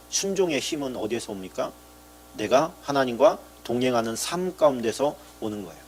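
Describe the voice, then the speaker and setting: A man's voice: a little high, slight background noise. A male pastor preaching a sermon, asking the congregation questions and acting out short bits of dialogue. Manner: lively preaching, rising to loud emphatic peaks and dropping to quiet asides; acts out dialogue in character voices.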